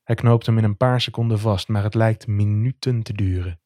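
A man narrating a romantic first-person story in a soft, intimate, measured way. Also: lowish voice, fairly even intonation, no echo, clean studio sound.

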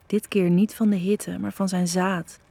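A woman reading a scripted story in a soft, intimate, unhurried way with a husky voice. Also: fairly low pitch, little pitch movement. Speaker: narrator. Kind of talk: scripted erotic story narration.

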